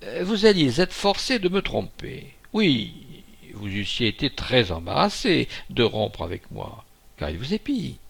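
A man reading a classic novel aloud as a volunteer audiobook narrator, expressive, with occasional hesitations. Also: mid-range voice, measured pace, gravelly, slightly rough.

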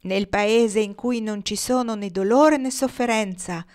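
A woman voicing a young boy flying with wild geese, calling back his answers in a drawn-out, sing-song refrain. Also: medium pitch, a little mellow, clear, resonant tone, lightly acted. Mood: calling, firm.

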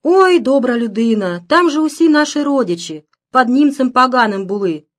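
Женщина в роли взволнованной украинской соседки. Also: female voice, sits high, expressive, normal speed, pitched above the performer's own voice. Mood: pleading. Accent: Ukrainian. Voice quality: sing-song, mixing Ukrainian words into Russian. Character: excited Ukrainian village neighbor woman, tearful and warm.

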